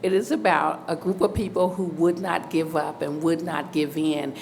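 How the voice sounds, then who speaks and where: A woman's voice: sits low, fairly even intonation, moderate pace, gravelly, darkish tone, slight background noise. A woman from Ohio, a novelist, speaking earnestly and confidently about her book on a festival panel. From Ohio, USA. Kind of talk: panel talk.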